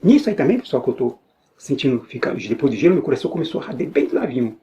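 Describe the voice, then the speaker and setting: A man's voice: medium pitch, very animated, very fast, warm tone, dull audio. A man with a Brazilian Portuguese accent giving an earnest personal religious testimony, repeating phrases and restarting often. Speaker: evangelical believer giving testimony.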